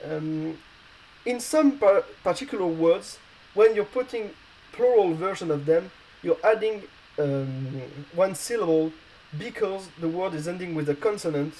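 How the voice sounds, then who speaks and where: A male Spanish teacher explaining a grammar lesson in non-native English, pausing often with filler sounds and small slips. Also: sits high, mellow, a little hiss or hum, poor audio. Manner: hesitant, many pauses and filler sounds.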